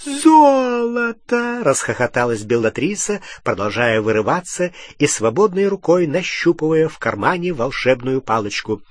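A man reading an audiobook as narrator, in a measured, expressive manner. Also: mid-range voice, no room sound, studio quality. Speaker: audiobook reader. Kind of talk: scripted narration.

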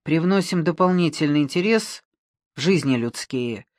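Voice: mid-range voice, lively intonation, moderate pace, a little mellow, dry recording, studio quality, natural voice. A reader voicing a smug, scheming male demiurge who lectures in a self-satisfied way, told as a storybook. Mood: smug, lecturing.

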